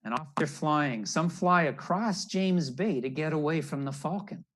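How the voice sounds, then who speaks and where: Reading a little slowly in a fairly high, fairly bright voice, an older naturalist works through a children's picture story and explains it. He's indoors on a video call, heard through the computer mic.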